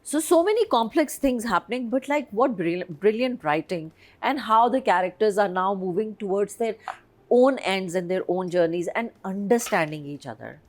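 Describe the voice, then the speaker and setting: Slow, emphatic woman in her fifties. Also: medium pitch. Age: 50s. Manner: emphatic, heartfelt, animated. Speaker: drama review panelist. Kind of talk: casual chat reviewing a drama.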